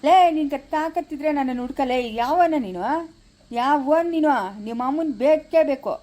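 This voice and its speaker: A woman's voice: sits high, normal speed, dark tone, close to an everyday voice. A woman playing a rude, boastful adult male prank caller in a family comedy skit, speaking with a Chikkaballapura Kannada accent and taunting, repetitive talk.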